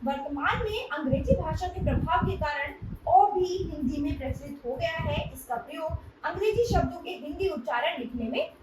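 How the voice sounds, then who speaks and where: High-voiced woman teacher in echoey room. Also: lively intonation, normal speed, far from the mic, heavy background noise. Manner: explains step by step, often checks in with "thik hai". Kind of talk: classroom grammar lesson.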